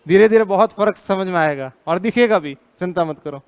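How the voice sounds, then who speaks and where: A man's voice: sits high, fairly quick, darkish tone, clear, resonant tone. An Indian man teaching a live class, drilling students with repeated questions, firm and teasing.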